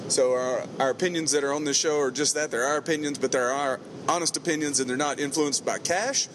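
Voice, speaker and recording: A man's voice: fairly high pitch, steady tone, brisk. Man hosting casually from noisy truck cab. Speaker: podcast host, firearms instructor. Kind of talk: casual chat. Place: inside a moving truck cab. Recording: clear road and vehicle noise.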